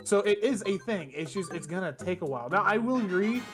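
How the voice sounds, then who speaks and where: This streamer speaks at an ordinary middle pitch and doesn't hold back opinions, dropping curses all through casual gaming-stream chat. Faint game music plays quietly behind the voice. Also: animated, brisk. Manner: blunt, opinionated, swears often.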